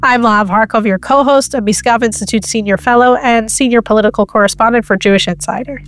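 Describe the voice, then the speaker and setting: A woman's voice: a little high, fast talker. A woman co-hosting a podcast, chatting casually with frequent "like" fillers and laughing asides. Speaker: podcast co-host and political correspondent.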